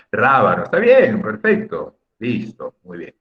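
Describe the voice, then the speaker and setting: Patient male teacher, lively pitch, muffled call audio. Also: normal speed. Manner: patient, drawing out words to stress syllables; coaxing students by name, teasing lightly. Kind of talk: online class instruction. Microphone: computer mic on a video call.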